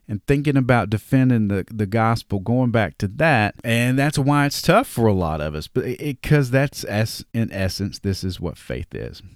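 Man with a Southern drawl, low voice. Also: dry recording, studio quality. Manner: conversational, reads scripture aloud with restarts. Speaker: podcast host. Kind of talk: casual Bible study talk.

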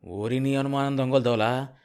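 A man voicing an excited, scheming male village middleman who talks in a loud, high, insistent way. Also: normal speed, clear, resonant tone, lightly acted. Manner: shouting, high-pitched and insistent.

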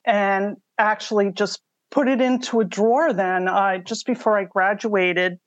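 A woman's voice: medium pitch, steady tone, a little slow, dry recording, dull audio. An older woman telling her story conversationally as a podcast interview guest. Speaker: podcast guest, mystery writer.

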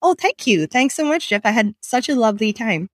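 A woman's voice: on the high side, lively intonation, a little fast, no room sound, clean studio sound. Sri woman author, thoughtful. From Sri Lanka. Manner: thoughtful, with many fillers. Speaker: guest author. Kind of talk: interview answers.

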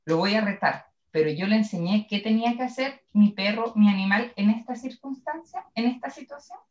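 A woman's voice: mid-range voice, lively intonation, a little fast, a little mellow. A woman with a Chilean accent, explaining dog training in a podcast chat and acting out examples of owners scolding their dogs. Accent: Chilean Spanish. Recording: echoey room, dull sound.

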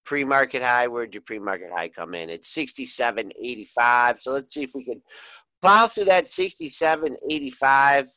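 A male co-host delivers live market commentary in a sharp, forceful voice of middling pitch. The sound is very dry, with no room echo. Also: lively intonation, normal speed.

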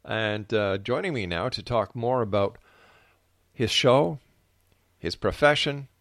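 A man's voice: lowish voice, lively intonation, slow pace, fairly bright tone, no room sound, studio quality. A man hosting a radio talk show, addressing listeners and introducing segments.

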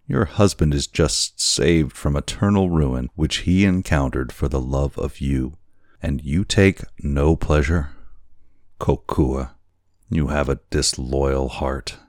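A man voicing a proud, hot-tempered young husband in a storybook reading, speaking loudly and indignantly. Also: a bass voice, slow, no room sound, clean studio sound, heavily acted.

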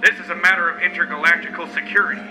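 A man's voice: fairly high pitch, steady tone, rapid-fire, over music, lightly acted, poor audio. A man playing a pompous blustery mayor. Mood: bossy. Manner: blustery, self-important. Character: pompous male city mayor, bossy.

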